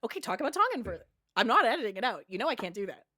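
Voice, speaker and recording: Woman co-host, blunt and teasing, quick to laugh, very lively pitch. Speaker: podcast co-host. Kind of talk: casual chat.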